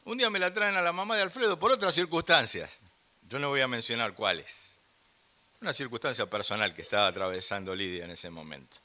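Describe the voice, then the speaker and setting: An older man with an Argentine accent preaching a sermon in church, swinging from loud emphasis down to near-whispers. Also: mid-range voice, fairly quick. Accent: Argentine Spanish. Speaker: guest preacher.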